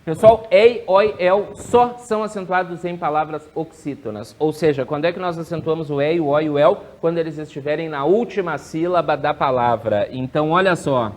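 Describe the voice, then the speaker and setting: A man teaching a grammar lesson for an exam, drilling rules with quick yes-or-no questions and drawing out key words slowly. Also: on the high side, a little mellow.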